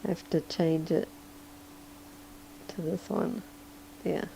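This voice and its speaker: A woman chatting casually on a livestream while drawing, hoarse and sleepy, rambling and chuckling often. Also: fairly low pitch, steady tone, slow, background noise. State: hoarse, losing her voice. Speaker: livestreaming digital artist.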